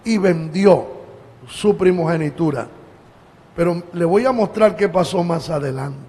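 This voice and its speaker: A pastor from Colombia preaching a sermon, with emphatic rises and drawn-out phrase endings. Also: male voice, fairly high pitch, warm tone. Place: church. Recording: long church hall reverb.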